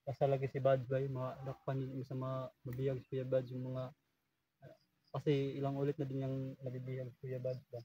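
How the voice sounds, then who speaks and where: A man chatting casually outdoors on a mountain, measured and repeating himself as he thinks. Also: medium pitch, monotone, dark tone, a little hiss or hum. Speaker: vlogger on a jungle outing. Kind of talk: casual chat among friends. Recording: distant, dull lo-fi outdoor mic.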